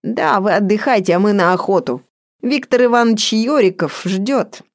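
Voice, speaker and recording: A woman voicing an excitable male devil in an audiobook, loud and boastful. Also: medium pitch, normal speed, pitched above the performer's own voice, lightly acted. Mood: jaunty.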